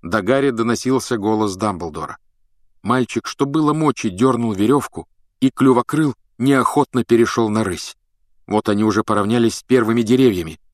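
A man narrating an audiobook in an expressive, dramatic reading on a close mic. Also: medium pitch, normal speed, no echo.

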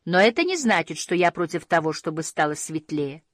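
A woman's voice: fairly low pitch, big pitch swings, fairly quick, no echo, studio quality. A woman voicing a tiny, bossy girl who talks in curt, scolding remarks, in a storybook reading. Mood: wry. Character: tiny sharp-tongued girl, bossy and dismissive.

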